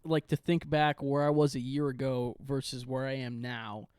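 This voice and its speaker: A man's voice: medium pitch, level tone, moderate pace, a little mellow, clear, resonant tone, dry recording. Laid-back young man, dry sound. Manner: laughs often, swears casually. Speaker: podcast co-host. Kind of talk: casual chat.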